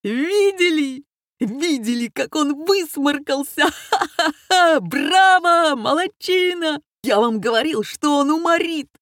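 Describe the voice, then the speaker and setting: A giddy young student fan cheers his favourite in high, loud, gushing bursts, as a woman narrator puts him on. The reading is dry and close-miked. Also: expressive, brisk, slightly rough, dry recording. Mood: gleeful.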